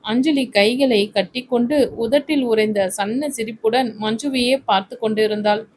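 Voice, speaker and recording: A woman's voice: fairly high pitch, normal speed, slight background noise, rough recording. Woman narrating a romance story. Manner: steady, literary storytelling.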